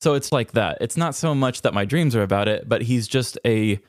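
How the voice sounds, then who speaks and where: This podcast co-host, a man with a medium-pitched voice, chats casually and tells personal stories at a brisk, expressive clip, acting out snippets of dialogue as he quotes people. The recording is dry and studio quality.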